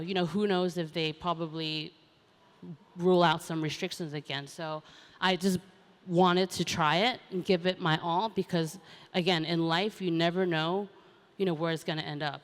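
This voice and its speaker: A young Hong Kong woman, a racing driver, speaks casually on a conference panel, sprinkling in "um" and "you know." Her slightly low voice is smooth, clear and a bit bright. The large hall adds long reverb.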